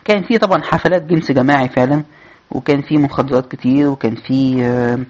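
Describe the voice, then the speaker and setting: A man's voice: mid-range voice, quick pace, lo-fi sound. A man with an Egyptian Arabic accent hosting a podcast, reading book passages aloud and then commenting in casual talk full of hesitations. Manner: reads quoted passages with raised voice, then chats with many hesitations. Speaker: podcast host.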